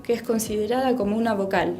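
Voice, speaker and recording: A woman whose first language is French teaches pronunciation at a mid pitch, drawing out and repeating each sound so learners can copy it. She talks clearly and calmly, and soft music plays quietly behind her. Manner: patient, repeats and models sounds slowly. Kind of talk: pronunciation lesson.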